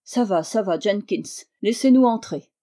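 A woman narrator gives a quick-witted male reporter, his storybook lines lifted slightly in pitch and pushed louder than the narration. The tone stays mellow and dark throughout. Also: lively intonation, lightly acted. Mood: amused. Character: male journalist, brisk and wry.

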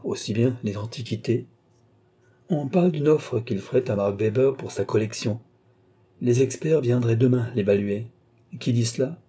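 A man reading a detective novel aloud in a steady, even storytelling manner. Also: medium pitch, husky. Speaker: audiobook narrator.

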